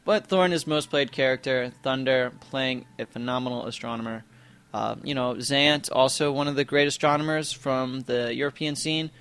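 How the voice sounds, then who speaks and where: A young man casting a video game tournament live, chatty and rambling, full of fillers and quick self-corrections. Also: medium pitch, fairly even intonation, a bit bright, smooth. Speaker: esports tournament caster. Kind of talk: casual live game commentary.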